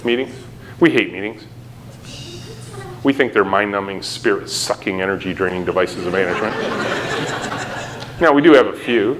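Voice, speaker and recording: A middle-aged man giving a conference keynote talk, telling stories in an animated way and acting out quotes with sudden jumps in pitch. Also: normal speed, long pauses, background noise. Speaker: keynote speaker. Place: conference hall.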